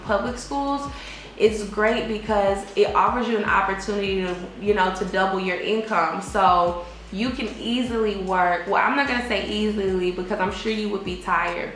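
A woman's voice: mid-range voice, fairly bright tone. Young woman, echoey room. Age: young adult. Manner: conversational, emphatic, peppered with "like" and "you know". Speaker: vlogger giving advice to expat English teachers. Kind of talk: casual advice chat to camera. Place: small indoor room with bare walls.

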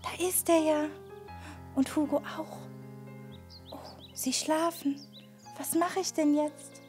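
A woman puppeteer voicing a kind, slightly timid young girl in a children's puppet show, who speaks gently and earnestly to the children. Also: high-pitched, fairly even intonation, slow, soft background music.

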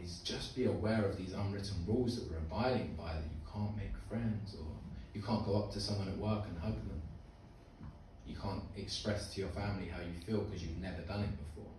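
Male, 20s, lowish voice, open mic speaker with stage fright, informal and rambling, recorded in a very reverberant room. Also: normal speed. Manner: informal, rambling, earnest with swearing. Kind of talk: live spoken piece to an audience. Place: small indoor open mic venue. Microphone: handheld mic, filmed by phone from audience. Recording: echoey room from far off, faint noise.

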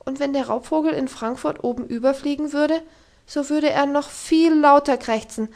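Woman doing a lil homesick girl, high voice, pleading, words spilling out, audiobook. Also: normal speed, a little mellow. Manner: pleading, tumbling out her words. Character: homesick little mountain girl, earnest and upset. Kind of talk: audiobook reading.

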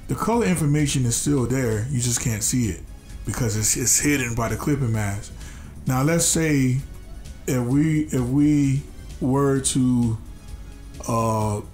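Hosting a laid-back drawing tutorial, a father with a congested, nasal voice speaks in a mid-range, slightly mellow tone. His delivery is loose and repetitive, full of restarted phrases and fillers.

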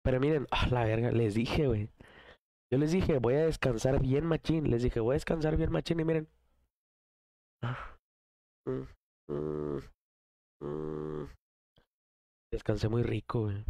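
A man with a Mexican Spanish accent, chatting casually on a morning live stream, slangy and hyped, his voice a little rough from a cough. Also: medium pitch, a little slow, long pauses, mellow, no room sound.

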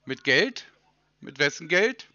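A man's voice: fairly high pitch, very animated, slow, bright, forceful tone, no room sound. A man on a prank phone call, mocking and taunting a scam caller and laughing at him. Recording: dull phone-call audio.

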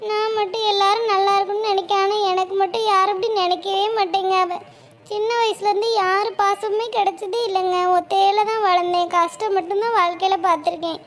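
Woman voicing a sad young cartoon wife, squeaky high voice, flat singsong. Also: a little fast. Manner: soft, pleading, sighing.

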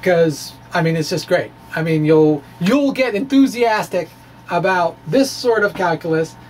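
A middle-aged science blogger presents a physics lecture in a small indoor room with bookshelves, explaining informally in a chatty, halting way full of asides. His voice sits high, animated and darkish, captured by a handheld-style mic on a stand in front of him, with clear background noise and room ambience.

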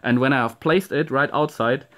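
A man's voice: medium pitch, moderate pace, a bit bright. Man with a German accent swearing over gameplay. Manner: frustrated, swearing, talks to viewers. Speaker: game commentator. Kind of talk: casual gameplay commentary.

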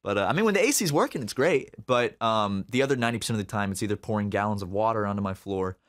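A man's voice: on the low side, animated, fast, a bit bright, dry recording, studio quality. A man co-hosting a podcast, chatting casually and rambling through jokey stories. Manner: rambling, jokey, lots of likes and restarts. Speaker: podcast co-host. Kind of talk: casual chat.

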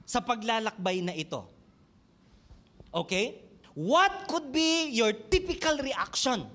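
Man, Filipino accent, pastor, very high voice, swooping animated delivery, church sermon. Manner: animated preaching, mixing Tagalog and English, rhetorical questions to the congregation.

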